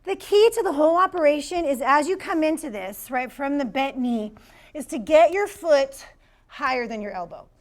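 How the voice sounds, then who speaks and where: A woman's voice: high voice, lively intonation, normal speed. A woman teaching a live yoga class, upbeat and encouraging, calling out students by name as she cues the poses.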